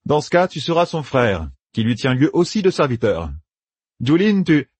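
A man's voice: on the high side, very animated, a little mellow, husky, no echo, voice pushed up. A man voicing a brash young schemer who barks out plans in a raised, emphatic voice in an audiobook. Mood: commanding. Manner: bossy, emphatic, rapid-fire planning.

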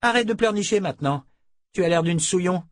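A man's voice: sits high, brisk, dry recording, studio quality, voice pushed up, lightly acted. Guy playing a nasty bullying henchman, cold and scornful, bossy, storybook reading. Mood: menacing. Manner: menacing, scornful, commanding. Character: brutal, contemptuous male henchman. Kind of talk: audiobook character voice.

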